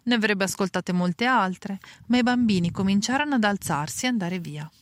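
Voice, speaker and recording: A woman reading a children's story aloud slowly and clearly. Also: medium pitch, no echo. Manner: slow, clear reading with voices for characters.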